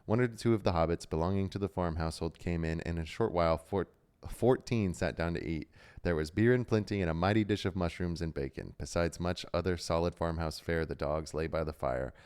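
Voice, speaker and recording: A man with a deep, smooth voice reads a novel aloud on a livestream. His reading is steady and storybook-like, broken by relaxed asides. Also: fairly quick. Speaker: book club host.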